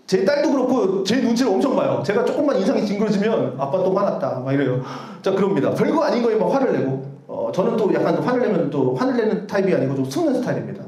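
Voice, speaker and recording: A man preaching a Sunday sermon as pastor, animated and earnest with self-deprecating humor. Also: sits high. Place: church sanctuary. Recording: roomy church echo.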